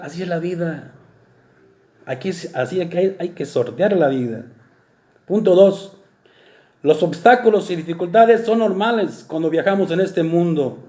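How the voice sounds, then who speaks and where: A man preaching a sermon, swinging between loud exclamations and soft low asides. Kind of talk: sermon talk. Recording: echoey room.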